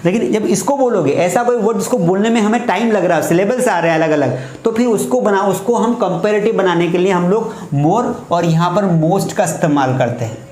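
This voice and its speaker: A male teacher giving a casual grammar lesson, explaining slowly and repeating key words as quiz questions. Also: sits high, darkish tone. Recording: echoey room, faint background noise.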